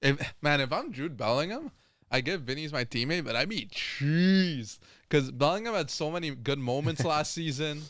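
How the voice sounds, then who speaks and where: A man co-hosting a casual football podcast who talks in an animated way, full of "like" and quick laughs. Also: a little high, dry recording, clean studio sound. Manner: animated, filler-heavy, laughs while talking. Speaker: podcast co-host.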